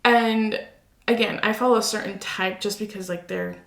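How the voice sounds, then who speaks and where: A woman's voice: mid-range voice, steady tone, normal speed, vocal fry, echoey room. A woman co-hosting a casual podcast chat, thoughtful and telling stories. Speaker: podcast co-host.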